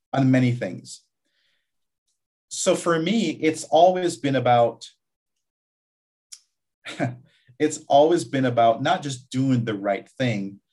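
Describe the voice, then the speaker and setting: A man's voice: mid-range voice, darkish tone. A man from Guyana, a community college vice president, talking reflectively in an interview with frequent restarts. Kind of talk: interview conversation.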